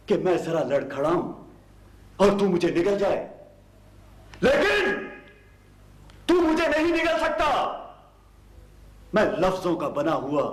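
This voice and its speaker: An actor playing a proud, bitter struggling writer who declaims poetry slowly and scoffs at critics, with a Pakistani Urdu accent. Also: male voice, on the high side, reverberant. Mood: defiant.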